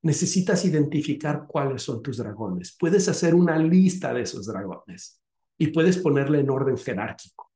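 A man hosting a podcast, telling a story and giving advice in an animated way. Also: medium pitch, moderate pace. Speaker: podcast host. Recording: roomy echo.

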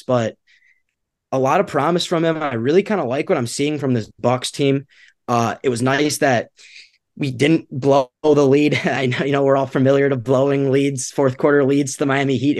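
A man's voice: medium pitch, steady tone, normal speed, dry recording. Man, upbeat podcast co-host, casual, chuckling, dry close sound. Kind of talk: casual sports podcast chat.

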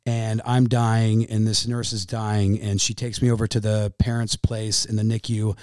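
A man in his thirties with a Midwestern American accent, a podcast guest telling an emotional story in a halting way, repeating himself and calling the host man. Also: on the low side, flat delivery, darkish tone, no room sound, clean studio sound.

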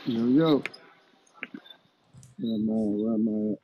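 A man's voice: lowish voice, no room sound. A man calling into a talk show over a muffled Bluetooth headset, brash and profane. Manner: brash, fast-talking, profane. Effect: muffled Bluetooth headset call. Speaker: caller.

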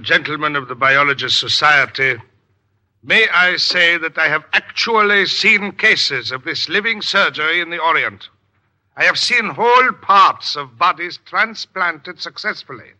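An actor playing a proud, vengeful scientist professor with formal, theatrical indignation in an old radio drama. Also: male voice, fairly high pitch, bright, forceful tone, heavily acted, low-quality recording. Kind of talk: 1930s-40s radio drama acting.

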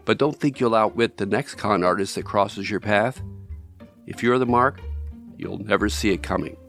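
Low-voiced man narrating over music. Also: moderate pace, vocal fry, a bit bright. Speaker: podcast host. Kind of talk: scripted narration.

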